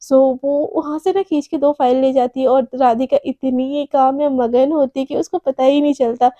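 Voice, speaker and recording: A woman's voice: sits high, fairly even intonation, moderate pace, mellow, no room sound, highs cut off. A young woman telling a romance story in a chatty, casual way, with lots of fillers and English words mixed in.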